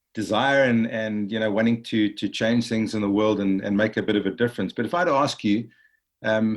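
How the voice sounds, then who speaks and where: A man hosting a podcast who introduces his guest and asks questions in a friendly, conversational way. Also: fairly low pitch. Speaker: podcast host. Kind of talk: interviewing a guest.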